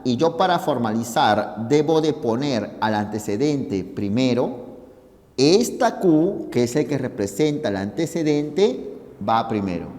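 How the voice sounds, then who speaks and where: Lively high-voiced Peruvian lecturer. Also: male voice. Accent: Peruvian Spanish. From Peru. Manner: emphatic, asks students for agreement often. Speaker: teacher. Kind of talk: classroom lecture. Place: classroom. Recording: hall reverb in classroom.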